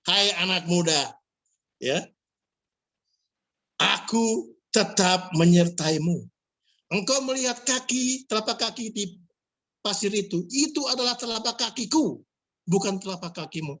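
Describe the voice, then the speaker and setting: A preacher voicing God, slow and reassuring. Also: male voice, sits high, animated, a bit bright, voice pushed up, full character voice. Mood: gentle reassuring. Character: God speaking gently to a young man.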